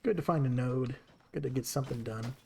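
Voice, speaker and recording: A man gives casual, chatty commentary over his gameplay at an average pitch. He talks straight to his characters as he plays. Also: fairly quick, vocal fry, warm tone, breathy edge. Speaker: streamer.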